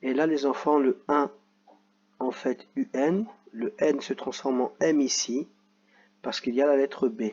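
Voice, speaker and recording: A man's voice: medium pitch, measured pace, a little mellow, breathy edge, muffled recording. A man teaching children a reading lesson, patiently spelling out sounds and letters.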